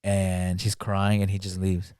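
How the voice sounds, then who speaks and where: Low, mellow-voiced man on a podcast. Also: completely flat delivery, dry recording, studio quality. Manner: retells film scenes, acting out the lines; halting, many "like" fillers. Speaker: podcast guest. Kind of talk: casual podcast chat. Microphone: studio podcast mic.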